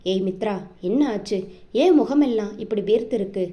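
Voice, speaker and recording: A woman reading the lines of a sharp-tongued young woman who teases and scolds her friend, in an audiobook novel. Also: medium pitch, moderate pace, lightly acted. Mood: teasing. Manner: teasing, scolding.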